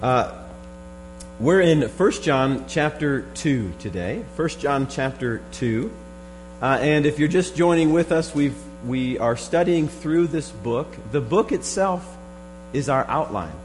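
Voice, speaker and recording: A man with a hoarse, frog-in-the-throat voice teaches scripture verse by verse in a deliberate, emphatic sermon style. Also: fairly high pitch, animated, faint music behind, low-quality recording. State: hoarse, froggy voice from a strained throat. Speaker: preacher teaching a Bible study.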